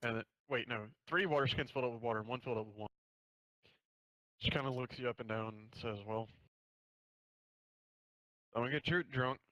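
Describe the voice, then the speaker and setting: A male game master narrating a tabletop fantasy game, mid-pitched and casual. His talk rambles and he swears freely. The sound is close and dry. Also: steady tone, quick pace, sharp tone, dry recording, low-quality recording.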